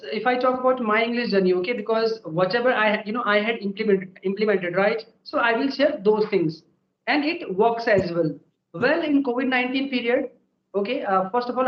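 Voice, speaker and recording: A young native Hindi speaker with an Indian accent and a very high-pitched voice gives conversational advice as a guest English learner sharing tips. He explains things step by step, tagging sentences with "okay" and "right," and the lo-fi recording sounds echoey.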